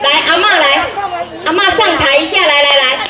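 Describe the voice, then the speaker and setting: A woman's voice: high-pitched, a little fast. A middle-aged woman with a Taiwanese accent hosting a community stage event, calling out to the audience in a folksy way with repeated urgings. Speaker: event host. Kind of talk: live stage announcing in Taiwanese Hokkien. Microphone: handheld microphone through PA speakers. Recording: echoey outdoor PA with crowd noise. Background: crowd noise.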